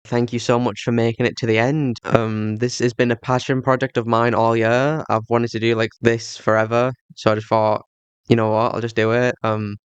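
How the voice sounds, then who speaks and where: A man's voice: mid-range voice, little pitch movement, moderate pace, smooth, no room sound. A man with a thick Yorkshire accent giving video commentary as host of a game retrospective, recorded on a cheap microphone. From Yorkshire, England. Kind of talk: scripted commentary, turning to casual thanks to viewers. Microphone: cheap budget microphone.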